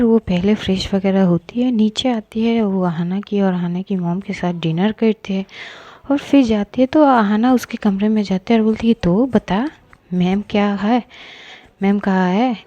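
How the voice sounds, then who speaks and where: A woman's voice: medium pitch, mellow, no echo, highs cut off. A woman narrating a romance story in a casual, conversational storytelling style. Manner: conversational, colloquial, dramatizing.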